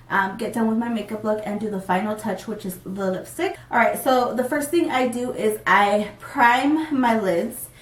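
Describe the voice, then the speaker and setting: A young beauty vlogger with a mid-range voice, stuffy and congested from a cold, chats casually through a makeup tutorial full of ums. She's in a small room with a plain backdrop, recorded off-mic with a roomy sound.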